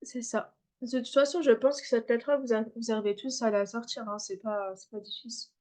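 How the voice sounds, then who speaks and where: A woman's voice: on the high side, steady tone, darkish tone. Patient woman teaching letter sounds. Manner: patient, repeats sounds slowly to demonstrate. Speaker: Arabic teacher. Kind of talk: online beginner class.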